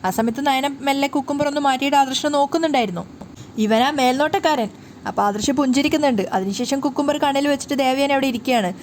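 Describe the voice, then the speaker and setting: A woman with a slightly high voice retells a TV serial episode in a relaxed storytelling way. She talks on in one running stream and fixes small slips as she goes. A faint hiss sits under her voice. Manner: chatty, running retelling with small self-corrections. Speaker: serial recap narrator.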